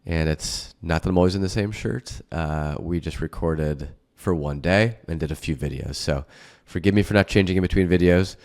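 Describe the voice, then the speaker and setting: Very low-voiced casual man. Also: normal speed, few pauses, darkish tone. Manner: casual, filler-heavy. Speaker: financial advisor host. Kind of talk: reaction video commentary.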